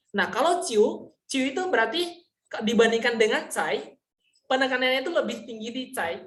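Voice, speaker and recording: Her voice a little high and fairly bright, this woman runs a relaxed online Mandarin class with roomy acoustics. She takes her time explaining, voices example sentences slowly, and frequently asks if students are following.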